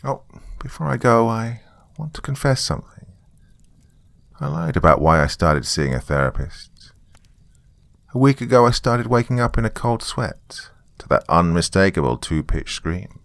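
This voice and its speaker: Recorded dry, this storytelling horror narrator and host has a lowish, creaky voice and a very animated delivery at a moderate pace. He moves between dramatic first-person tales and a relaxed sign-off.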